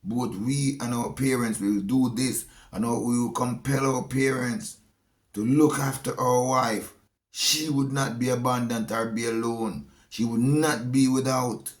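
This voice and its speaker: A man with a Jamaican accent delivering a slow, preachy monologue. He stresses his points and often repeats phrases. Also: medium pitch, fairly even intonation, echoey room. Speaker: speaker giving a monologue.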